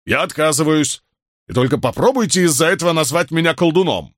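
A man's voice: on the high side, expressive, brisk, no echo, clean studio sound, pitched above the performer's own voice. A man reading an audiobook, voicing a blunt, stubborn middle-aged landowner with a demanding manner.

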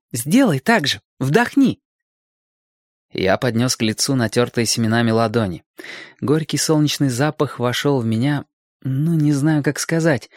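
Male audiobook narrator, calm and reflective, mid-range voice in a dead-dry booth. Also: medium pitch, no room sound.

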